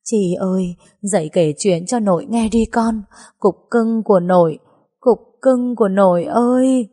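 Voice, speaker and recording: A woman voicing a grieving old grandmother who wails a drawn-out lament for her granddaughter. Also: mid-range voice, mellow, pitched above the performer's own voice, close to an everyday voice. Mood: wailing grief.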